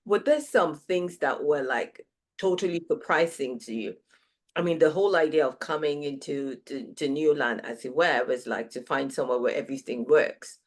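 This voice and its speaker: A woman's voice: low voice, normal speed. A woman, interviewing a guest in a casual, conversational style as host.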